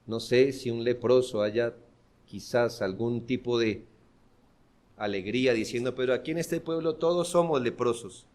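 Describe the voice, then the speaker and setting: A man preaching a sermon as pastor, earnest and building to forceful emphasis. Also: medium pitch, moderate pace. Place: church.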